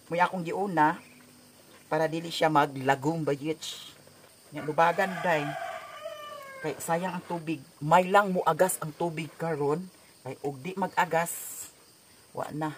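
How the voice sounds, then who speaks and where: Hoarse Cebuano-accented vlogger joking slowly. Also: medium pitch, a little hiss or hum. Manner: joking, teasing, breaks into song. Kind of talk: casual chat while doing laundry.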